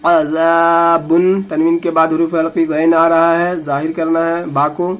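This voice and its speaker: A man teaching Quran reading, slowly spelling out syllables letter by letter and then explaining the rules in quicker asides, with an Indian Urdu-Hindi accent. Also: on the high side, little pitch movement, faint music behind. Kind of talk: slow letter-by-letter recitation lesson.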